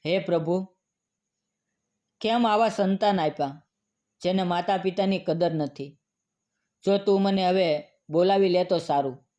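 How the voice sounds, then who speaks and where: A man reading the lines of a grieving elderly widowed mother in a storybook tale, in an even, sorrowful manner. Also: high-pitched, unhurried, pauses often. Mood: tearful prayer.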